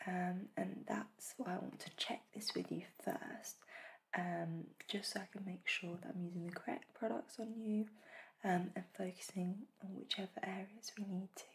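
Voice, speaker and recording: A woman in an ASMR role-play as a spa facial therapist, speaking in a soft, breathy soft voice with a gentle, reassuring manner. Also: medium pitch, fairly even intonation, moderate pace, a little hiss or hum.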